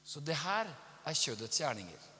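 An animated male preacher with a bright, forceful voice, delivering a sermon and acting out stories with voices and bursts of laughter. His voice sits a little high for a man and rings with a long reverb. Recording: echoey hall.

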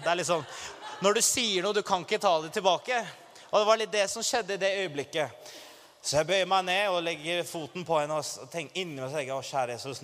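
A man preaching a testimony to a congregation, telling his story in an animated way and rising to fervent exclamations. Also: on the high side, slight background noise. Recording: long hall reverb.

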